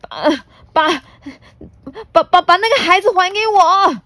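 A woman voicing a big, timid, gentle male dinosaur in a storybook reading, stammering and shaky but earnest. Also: high-pitched, lively intonation, takes it slowly, dry recording, pitched above the performer's own voice. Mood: trembling.

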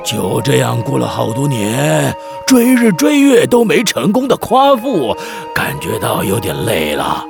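Heavily acted over music, a man voices a theatrical middle-aged village chief, a long-winded, avuncular storyteller in a children's radio drama, narrating dramatically and mock-solemnly. His mid-range, gravelly voice swoops wildly in pitch, a little slow, with hardly any pauses.

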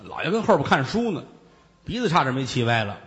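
A man telling a traditional Chinese story in a lively, animated way, swinging high and low. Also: fast talker, in a large hall.

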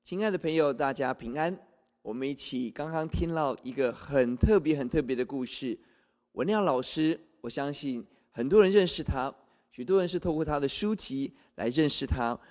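A man hosting a church program, giving closing remarks in a gentle, steady way. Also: a little high, moderate pace, big-room sound. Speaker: church host.

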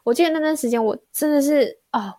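A young woman co-hosting a podcast, telling a personal story in a soft, halting, reflective way. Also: sits high. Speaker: podcast co-host. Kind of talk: casual chat, personal story.

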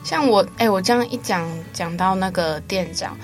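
A woman's voice: mid-range voice, normal speed, soft background music. A young woman with a Taiwanese Mandarin accent, co-hosting a campus radio show in a chatty way. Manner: chatty, laughs at her own stories. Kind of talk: casual chat.

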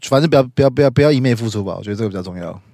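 A man's voice: medium pitch, animated, rapid-fire, a little mellow, no room sound, clean studio sound. A man with a Taiwanese accent in casual chat, reacting readily and repeating phrases for emphasis.

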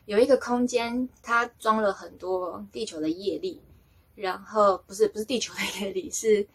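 A woman's voice: medium pitch, moderate pace, slightly rough. Chatty woman telling a story. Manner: chatty, rambling, often laughing at herself. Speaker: podcaster sharing a personal story. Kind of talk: casual storytelling.

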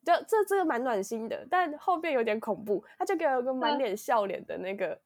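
A woman's voice: a little high, very animated, a little fast, dry recording. Weak-voiced Taiwanese woman, dry close mic. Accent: Taiwanese Mandarin. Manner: rambling, with many restarts, acting out quotes. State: weak voice from illness. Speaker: podcast host. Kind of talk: casual chat storytelling.

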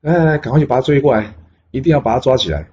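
Guy doing a loud bossy tyrant king yelling orders, pitched up, a bit muffled. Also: expressive, rapid-fire, slight background noise, lightly acted. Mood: furious. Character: angry, domineering ancient male tyrant king.

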